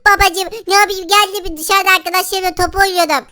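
A squeaky, bright-voiced little prankster boy, as a man puts him on in a Minecraft role-play. He talks straight to the viewers with a gleeful, giggly edge. His voice sits very high and sharp. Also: fairly even intonation, brisk, exaggerated voice. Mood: pleading. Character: mischievous young boy pranking his dad.

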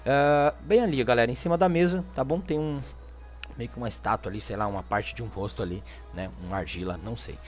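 Over faint background music, a Brazilian man with a medium pitch talks fast while hosting his gaming channel. He delivers a casual, chatty video game walkthrough in informal speech dotted with little check-in tag questions.

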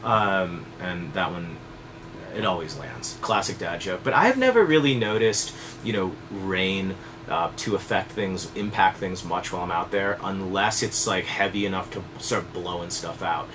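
A man in his thirties, a fly fishing guide, explaining things to camera in a relaxed, conversational way with casual fillers, seated at a desk indoors. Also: low-pitched, unhurried, music in the background, rough recording. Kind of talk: direct-to-camera instructional talk.

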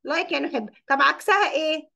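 Talking fast, a woman with an Egyptian Arabic accent teaches English vocabulary to a class, explaining each term in Arabic and repeatedly quizzing her pupils. Her voice is high and gravelly, pushed and bright.

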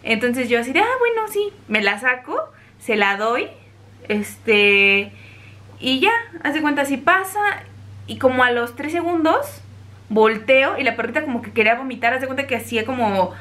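A young woman with a Mexican accent telling a personal story in a chatty, animated way. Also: fairly high pitch, moderate pace. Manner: chatty, animated, acts out quoted voices. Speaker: vlogger. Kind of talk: casual storytelling.

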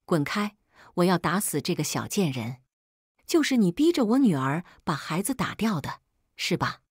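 A raging middle-aged mother hurls insults in a husky, lively-pitched voice, as a woman narrator puts her on. She is coarse and abusive and never softens. The voice is dry and close. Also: normal speed, dry recording. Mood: furious. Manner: shouting insults, screeching accusations.

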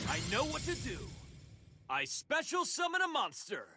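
High-pitched, animated young anime hero. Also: male voice, heavily acted. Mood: focused. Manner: earnest, emphatic, slow deliberate battle declarations. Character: determined, hopeful young male hero duelist. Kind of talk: anime card game voice acting. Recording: game music behind the voice. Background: game music.

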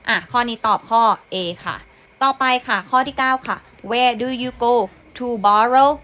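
A woman's voice: on the high side, fairly even intonation, slow pace, sharp tone. A young woman teacher, patiently explaining English exam questions word by word, repeating each word and its meaning. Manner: patient, repeats words and meanings, says "นะคะ" often.

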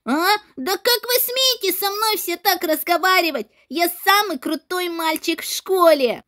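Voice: extremely high pitch, a little slow, sharp tone, exaggerated voice. A performer voicing an arrogant schoolboy in a game role-play, boastful and mocking toward classmates. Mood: indignant. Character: arrogant schoolboy who calls himself the coolest.

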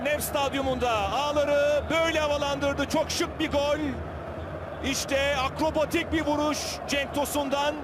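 High-pitched, excitable screaming Turkish football commentator, male. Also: heavy background noise. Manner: screaming, excited shouting at chances and goals; dramatic, urgent delivery in short bursts. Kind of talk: live football play-by-play commentary.

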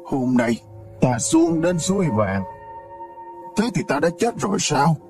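A lamenting old father begs his lost children to come home, as a man puts him on for a storybook. His pleading voice swoops widely and drags slowly, with music playing clearly underneath. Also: sits high, huge pitch swings, pitched above the performer's own voice, heavily acted. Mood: bewildered. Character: grieving old rich man, tearful father. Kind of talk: storybook role reading.

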